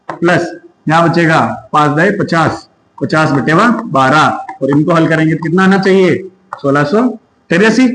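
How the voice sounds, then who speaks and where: Guy doing an exam maths class, talks through each step, high pitched, echoey room. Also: fairly bright tone, slight background noise. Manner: works through sums step by step, asking and answering himself. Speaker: maths teacher. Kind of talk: exam-prep maths lesson.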